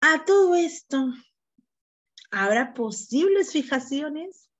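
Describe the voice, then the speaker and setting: Woman, Peruvian accent, teacher, slow, repeats herself, tag questions, muffled lo-fi sound. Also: high voice, animated. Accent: Peruvian Spanish. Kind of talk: online class lecture.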